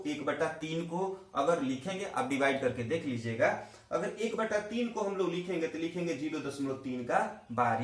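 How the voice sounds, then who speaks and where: A man from India teaching a math lesson, asking questions and answering them himself, talking straight to his students. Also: a little high. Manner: addresses students directly, repeats key terms. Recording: echoey room.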